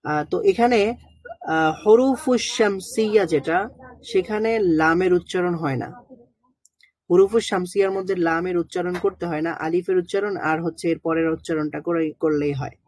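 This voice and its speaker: A teacher gives an online lesson. The teacher talks patiently, hesitates often and slowly sounds out letters and syllables one by one. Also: mid-range voice, a little mellow. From Bangladesh. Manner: hesitant with frequent drawn-out fillers. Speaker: Quran recitation teacher.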